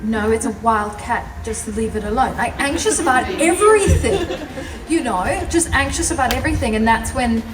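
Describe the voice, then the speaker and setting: At a live event, a young South African guest speaker recounts her personal story in a voice on the high side, animated and moderately paced with hardly any pauses. Passionate, chatty and often laughing, she's recorded from a distance in a roomy room, music playing behind.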